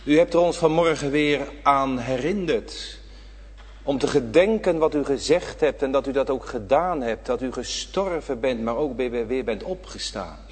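A middle-aged pastor preaching a sermon, swinging between soft talk and loud, drawn-out emphasis. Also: male voice, mid-range voice, slightly rough, big-room sound. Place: church hall.

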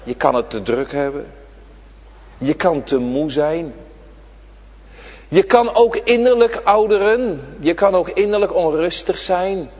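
A man preaching to children in a church, his voice set high and swinging widely up and down. He speaks slowly and emphatically, repeating short phrases as he addresses the young listeners. The voice is slightly husky and rings with a long reverb from the church. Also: lively intonation, a little mellow. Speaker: pastor. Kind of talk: children's sermon on prayer day.

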